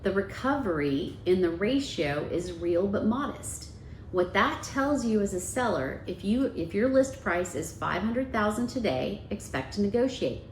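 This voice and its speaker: A woman's voice: mid-range voice, animated, unhurried. Woman presenting in an echoey room. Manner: explanatory, emphatic on key words. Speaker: real estate agent presenting a market report. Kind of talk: presentation of a market report to viewers. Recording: echoey room, faint background noise.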